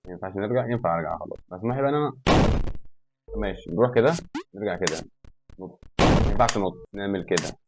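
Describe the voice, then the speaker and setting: Fast-talking Egyptian gamer man. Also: fairly low pitch, heavy background noise. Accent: Egyptian Arabic. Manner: excitable, talks to himself and the game, yells in frustration. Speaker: gaming YouTuber. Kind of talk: let's play commentary.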